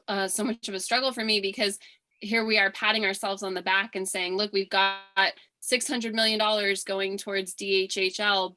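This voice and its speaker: A woman from Hawaii running for office, answering forum questions earnestly, with many pauses, fillers and restarts. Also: mid-range voice, pushed and bright, low-quality recording. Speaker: political candidate. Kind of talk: candidate forum interview answers.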